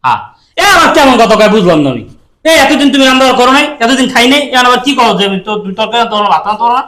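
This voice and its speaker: An indignant husband complains loudly that there is no food, played by an actor. His voice is unusually high and bright, he rattles along at great speed, and the room echoes around him. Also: animated, rapid-fire, full character voice. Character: hungry, indignant rural husband. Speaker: actor in a village comedy skit. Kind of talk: skit acting.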